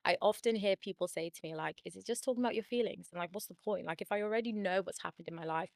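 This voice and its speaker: A woman's voice: mid-range voice, creaky, no room sound. Chatty woman therapist, very dry sound. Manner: chatty, quick, laughs often, uses like a lot. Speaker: therapist and channel host. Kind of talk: casual talk to camera.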